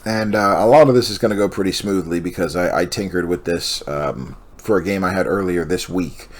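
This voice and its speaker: A tired, low-voiced man yawns as he hosts a casual walkthrough of putting together a tabletop army list, rambling along with lots of pauses and correcting himself as he goes.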